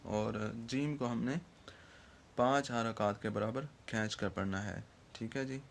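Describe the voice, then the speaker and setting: Man, Quran recitation teacher, patient, gravelly voice, faint hiss behind. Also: fairly low pitch, fairly even intonation. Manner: patient, repeats "theek hai ji" after each point; drawn-out letter sounds. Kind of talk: online lesson.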